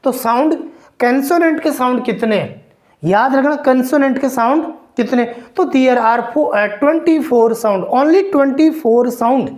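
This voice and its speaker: A woman's voice: high voice, a little mellow. A woman teaching an English phonetics lesson, going through sounds one by one, repeating them and asking the class questions. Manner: slow, repeats each sound and quizzes listeners.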